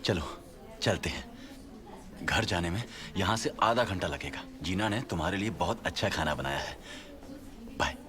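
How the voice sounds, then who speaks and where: A man's voice: sits low, animated, normal speed, pauses often. A man dubbing a friendly, coaxing father figure in a film. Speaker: father figure welcoming a child. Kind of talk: Hindi film dub. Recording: crowd noise behind.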